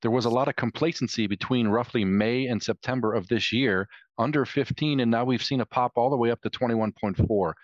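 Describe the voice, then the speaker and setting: A man's voice: medium pitch, fairly quick, few pauses, no echo. Male podcast host, dry close sound. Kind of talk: scripted podcast hosting. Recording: slightly dull, dry audio.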